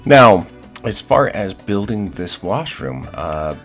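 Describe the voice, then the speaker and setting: Man, deep voice, casual gameplay commentary, chatty, lots of ums and restarts. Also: sing-song, takes it slowly, fairly bright tone, faint music behind. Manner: chatty, fillers and restarts, playful pirate talk. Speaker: gaming video host.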